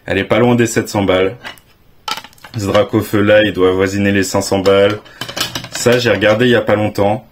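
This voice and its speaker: A young man with a French accent, giving casual, excitable commentary as he reveals graded trading cards, exclaiming often with slang. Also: lowish voice, fairly quick, noisy background. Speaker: card collecting YouTuber.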